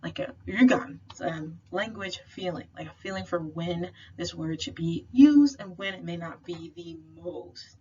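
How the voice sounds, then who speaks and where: A woman's voice: fairly low pitch, unhurried, hardly any pauses, a little mellow, husky. A young woman tutoring a language class in a casual, chatty way, full of fillers and playful slang. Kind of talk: casual recorded tutoring lesson. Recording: slightly dull sound with faint noise.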